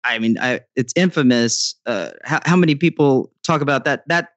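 A man's voice: medium pitch, moderate pace, no room sound. A man who is a guest songwriter on a podcast, telling stories casually with self-mocking asides and stammering restarts. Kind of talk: casual chat.

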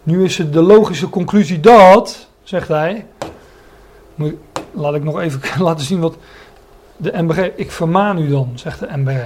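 A man's voice: fairly high pitch, moderate pace, darkish tone. A man preaching a Bible sermon, often stopping to search for words and restate a phrase, and explaining the meanings of Greek words.

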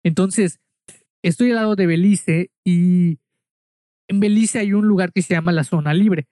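A man's voice: sits high, unhurried, warm tone, no room sound, clean studio sound. A man from Mexico with a Mexican accent, casually telling a story in a monologue, chatty and full of asides, speaking straight to the listener.

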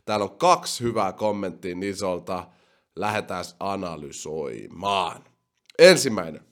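Young male podcast host, somewhat low voice, casual and animated, reads listener comments aloud. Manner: animated, with sudden loud bursts. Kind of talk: casual chat.

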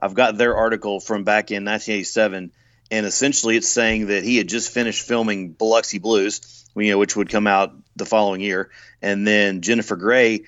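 A man with a fairly low voice co-hosts a casual movie podcast, piling up trivia and box-office facts with eager recall. His sound is dry and a little dull, close and without room echo. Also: fairly even intonation, a little fast, fairly bright tone. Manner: enthusiastic, trivia-heavy recall. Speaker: podcast co-host.

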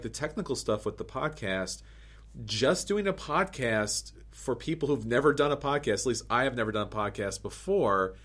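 A man co-hosting a board game podcast, talking earnestly and upbeat, with lively quoted asides. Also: on the low side. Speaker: podcast co-host. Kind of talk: casual podcast talk.

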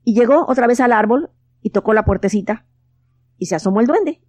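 A woman narrating a children's story in a gentle, expressive way. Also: on the high side, fairly quick.

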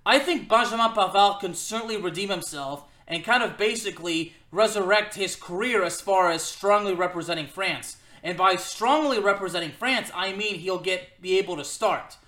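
Male football podcaster, high forceful voice, emphatic off-the-cuff opinion, roomy echoing recording. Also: moderate pace, hardly any pauses. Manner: emphatic, repeats phrases for effect. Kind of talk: unscripted opinionated sports commentary.

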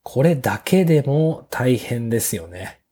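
A man hosting a beginners' Japanese lesson podcast, speaking slowly and simply with small fillers. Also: medium pitch, big pitch swings, dark tone. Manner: slow, clear teacher's delivery with fillers. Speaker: podcast host teaching Japanese.

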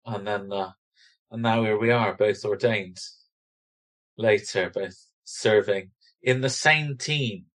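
A man's voice: on the low side, slow pace, a bit bright. A man with a Bristolian accent, chatting casually and teasingly as a podcast host.

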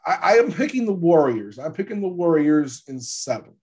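Stuffy gravelly guy hosting sports podcast, kinda higher voice, congested, casual chat. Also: very animated, moderate pace, a little mellow. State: congested from allergies. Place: podcast studio.

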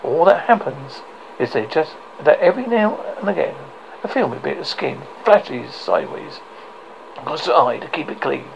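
Brief: story narrator, gravelly and very varied in pitch, stumbling read, faintly noisy amateur recording. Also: sing-song, lo-fi sound. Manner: halting, often stumbles and repeats words. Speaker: storyteller reading a short story aloud.

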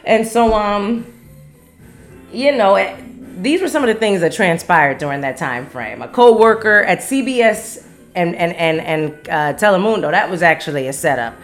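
A woman's voice: on the low side, lively intonation, moderate pace, faint music behind. A woman from the United States hosting a casual storytime monologue, frank and profane, laughing often and acting out quoted voices. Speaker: storyteller host.

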